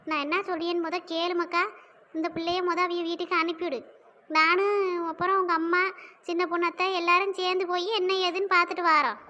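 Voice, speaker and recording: A woman's voice: very high voice, level tone, fast talker, sharp tone, highs cut off. A woman voicing a bossy, protective old village mother in a cartoon, speaking in a southern Tamil village dialect. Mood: commanding. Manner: bossy, scolding, then soothing. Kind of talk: cartoon dialogue.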